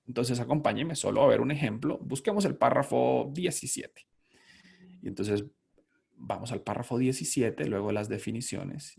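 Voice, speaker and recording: Male lecturer, husky tone, emphatic, answers his own questions. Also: medium pitch, a little mellow. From Colombia. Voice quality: emphatic, repeats key words, asks and answers own questions. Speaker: lecturer on auditing standards. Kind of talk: conference lecture.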